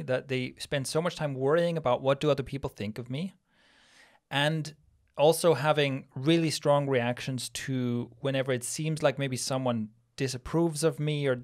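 A man in his thirties from Switzerland, co-hosting a casual podcast and thinking aloud with restarts into a studio mic. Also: medium pitch. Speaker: podcast co-host. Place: small studio room with plant wall. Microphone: studio mic on boom arm, headphones.

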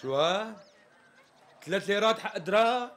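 A fed-up Damascene customer. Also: male voice, sits high, expressive, normal speed, fairly bright tone. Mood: exasperated. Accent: Damascene Arabic. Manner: exasperated, repeatedly demanding the price. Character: impatient hot-tempered male customer. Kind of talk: TV sketch comedy acting.

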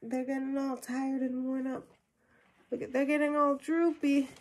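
At a normal pace and with little pitch movement, a young woman's high voice reads a children's picture book in a small room at home. She includes simple questions and asides for young listeners along the way.

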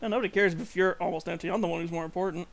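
A man's voice: high voice, fairly even intonation, very fast. A young man hosting a casual gameplay video, chatty and joking, often laughing as he plays. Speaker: channel host. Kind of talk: gameplay commentary.

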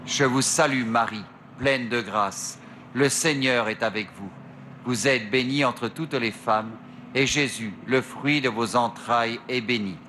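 A middle-aged male priest leading the rosary at an outdoor grotto shrine, reciting prayers slowly into a lectern mic. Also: mid-range voice, noisy background. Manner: slow measured prayer recitation. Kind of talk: slow recited prayer and meditation. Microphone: stand mic at a lectern.

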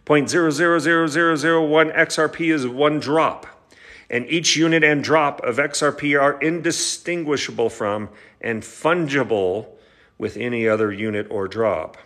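A middle-aged American attorney reads a legal document aloud in a slightly high, fairly bright voice at a moderate pace. His delivery is stop-and-start with brief asides, recorded in a large living room with a high ceiling.

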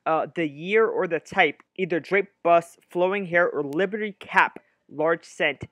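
A man's voice: on the high side, unhurried, fairly bright tone, no room sound. A young man explaining his finds in an earnest recap voice-over recorded at home. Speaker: metal detecting vlogger. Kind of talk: voice-over narration. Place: home room.

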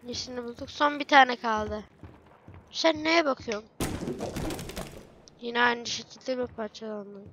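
A woman giving excitable, chatty let's play commentary, talking to herself and her viewers as she plays. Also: on the high side, a little slow, pauses often, muffled recording, a little hiss or hum. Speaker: gameplay streamer.

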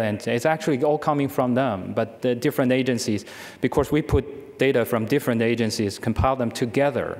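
Male speaker, halting conference Q&A answer, podium mic, long hall reverb. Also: mid-range voice, darkish tone. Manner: halting, many restarts and fillers. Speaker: keynote speaker answering questions. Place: large lecture hall. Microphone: podium microphone, far camera.

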